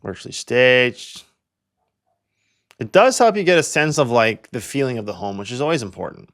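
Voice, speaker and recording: A young real estate agent from Canada hosts a casual property walkthrough video, speaking quickly in a very animated, medium-pitched voice. His talk is chatty and heavy on fillers, with lots of "like."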